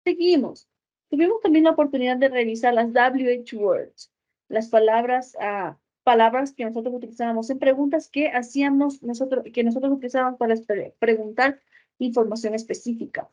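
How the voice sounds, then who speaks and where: A woman teacher gives a recorded school lesson, explaining each rule step by step and checking in with her students as she goes. Her voice sits a little high. The recording is dull and lo-fi. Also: brisk, a little mellow. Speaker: English teacher.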